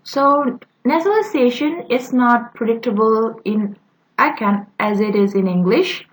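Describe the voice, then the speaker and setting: A young adult student whose first language is Indonesian gives a class presentation on phonetics. She speaks haltingly, with frequent "uh" fillers and restarts, in a voice on the high side. The audio quality is poor.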